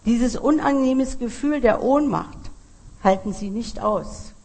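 A woman preacher delivers a sermon, turning to her listeners directly. Her delivery is slow and measured, and her voice is gravelly and husky. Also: on the high side, darkish tone, poor audio. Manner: addresses the congregation directly, earnest.

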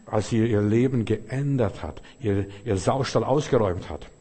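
Older man, pastor, husky voice, emphatic sermon, repeats key phrases, long echoing hall. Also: on the low side, moderate pace, dark tone.

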